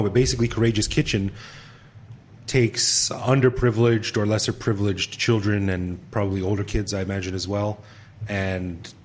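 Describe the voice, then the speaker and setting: With slight noise in the background, a middle-aged podcast host talks with an old friend in a relaxed, chatty interview, laughing readily. He has a lowish voice.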